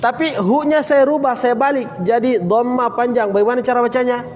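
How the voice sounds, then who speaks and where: A man teaching a Quran recitation lesson, drilling students with repeated questions and slowly chanting example words. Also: extremely high pitch, steady tone, darkish tone, in a large hall. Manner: occasional coughs, casual. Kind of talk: classroom tajwid lesson.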